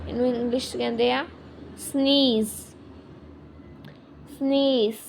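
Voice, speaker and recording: A woman teaching English vocabulary, repeating each word slowly and saying the English words louder. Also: on the high side, gravelly, slight background noise. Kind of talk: slow vocabulary lesson.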